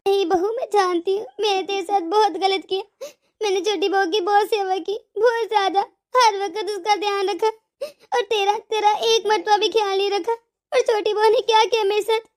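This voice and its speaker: An injured, self-pitying old mother-in-law in a cartoon, played by a woman, tearful and full of remorse. Her voice sits very high and thin. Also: fairly even intonation, normal speed. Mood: weeping. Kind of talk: cartoon voice acting.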